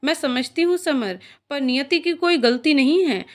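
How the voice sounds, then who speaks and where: A woman voicing a meek, sad young wife who speaks softly. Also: moderate pace, natural voice. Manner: soft, low-voiced.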